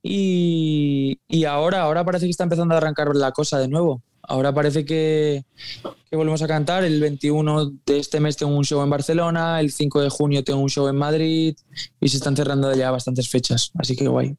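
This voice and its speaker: A man's voice: fairly high pitch, fairly quick, clean tone, no echo, clean studio sound. Easygoing man talking about his music. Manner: relaxed, easygoing, colloquial. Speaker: singer guest. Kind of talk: casual interview chat.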